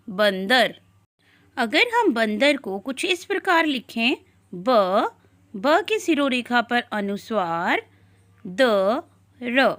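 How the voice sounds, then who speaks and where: Slow, high-voiced woman teaching reading. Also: a bit bright, dry recording. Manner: slow, deliberate sounding-out of syllables; asks questions and answers them herself. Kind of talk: children's reading lesson.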